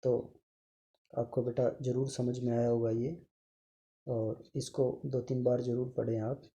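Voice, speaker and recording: A male teacher gives an online grammar lesson, sounding each word out slowly and addressing his pupils with affection. His voice is dark and mellow, with a gravelly edge of fry. He is patient and repeats himself often. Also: mid-range voice, level tone, muffled recording.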